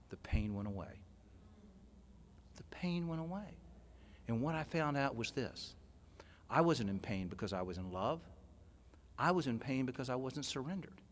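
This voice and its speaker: A man at a podium, giving a personal recovery talk to a workshop audience and telling his story with emphatic swings from loud outbursts to quiet intensity. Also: medium pitch. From California. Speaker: 12-step workshop speaker. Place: convention hall.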